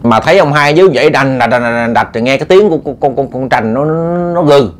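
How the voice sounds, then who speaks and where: A man with a Southern Vietnamese accent narrating a ghost story in an animated, dramatic way, often repeating words as he builds tension. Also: medium pitch, fast. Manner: animated, dramatic, repetitive stammering.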